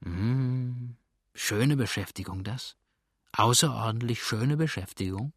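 A man's voice: dry recording, clean studio sound. A man slurring as a drunken young dandy. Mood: drunken mocking. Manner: slow slurred speech with wild high swoops, sprinkles French. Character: drunken young male dandy, boastful and sentimental. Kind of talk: audiobook character voice.

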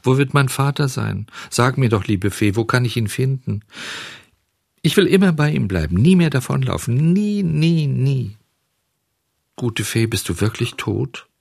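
A man's voice: lively intonation, creaky, dry recording, clean studio sound. A man voicing a desperate, weeping wooden puppet boy who pleads and sobs. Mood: despairing. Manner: sobbing, pleading, high and fast.

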